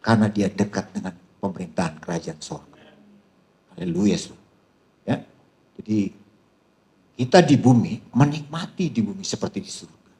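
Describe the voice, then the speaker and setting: This preacher has a fairly low voice, a moderate pace, and frequent pauses. His sermon mixes storytelling and humor with a certain flavor; he often laughs, calls the congregation "saudara," and turns animated, his voice rising with excitement.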